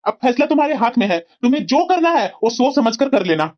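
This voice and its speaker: A woman gives voice to a firm, upright young husband in a cartoon family drama. He lectures steadily and reproachfully, pitched fairly high. The sound is dull and lo-fi. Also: lively intonation, brisk. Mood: stern.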